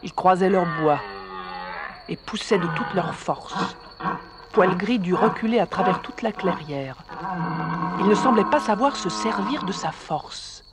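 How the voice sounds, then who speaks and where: A narrator reading a story aloud for radio in a measured, expressive way. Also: medium pitch.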